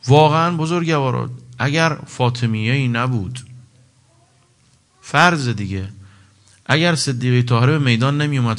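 A man preaching a religious sermon, reciting Arabic quotations and explaining them, his voice climbing in pitch on key points. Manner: emphatic, rising to a higher pitch on key points.

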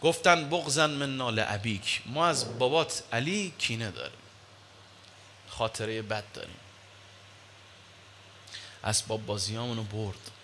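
A man preaching a sermon in an animated way, dropping to low murmurs and rising to loud exclamations. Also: a little hiss or hum.

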